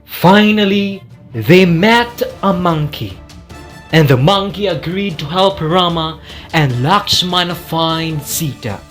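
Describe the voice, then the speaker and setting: A narrator telling an epic tale in slow, measured scripted narration. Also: mid-range voice, animated, fairly bright tone, soft background music.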